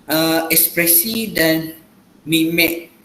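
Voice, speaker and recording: A man's voice: fairly high pitch, very slow, a bit bright, roomy sound, slight background noise, low-quality recording. A man playing a teacher, explaining patiently with lots of filler sounds. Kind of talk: classroom role-play lesson.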